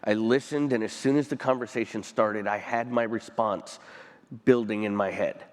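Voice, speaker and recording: A man's voice: on the low side, fairly even intonation, in a large hall. Earnest man speaking onstage, emotional. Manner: earnest, emotional, pausing often. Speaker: panel guest. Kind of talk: onstage conversation. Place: conference stage.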